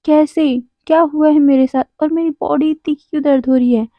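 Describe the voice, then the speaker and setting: A woman voicing a whiny, dramatic young man who complains and pleads loudly. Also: high-pitched, fairly even intonation, moderate pace, no room sound, highs cut off, natural voice. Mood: whining.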